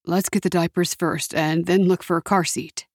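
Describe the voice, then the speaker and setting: Woman reading a gentle, serious uncle. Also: on the low side, fairly even intonation, moderate pace, dry recording, studio quality. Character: caring middle-aged uncle.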